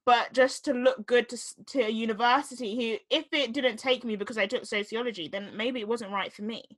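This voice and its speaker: A woman's voice: a little high, fairly even intonation, fairly quick. A young British woman from London, interviewing a guest in casual chat and telling her own stories with quoted thoughts. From London, England. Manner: chatty, storytelling with quoted inner thoughts.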